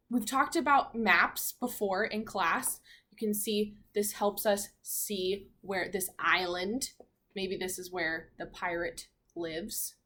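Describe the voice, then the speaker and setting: A female primary school teacher reads a picture book aloud to a group of children, her medium-pitched voice expressive and instructive. She stops now and then to ask the class questions.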